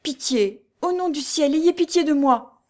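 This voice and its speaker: A terrified old woman canteen keeper, pleading and panicky, as a woman reader puts her on. Her voice climbs high above the reader's own when fear takes hold. It is a storybook figure, read aloud. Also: very animated, unhurried, darkish tone. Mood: panicked.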